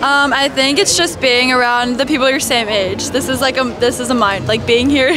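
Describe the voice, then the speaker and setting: A woman's voice: high-pitched, steady tone, normal speed. A young college woman chatting in a night street interview, a bit hesitant. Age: young adult. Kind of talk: casual street chat. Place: city street at night, outdoors. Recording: crowd and music behind.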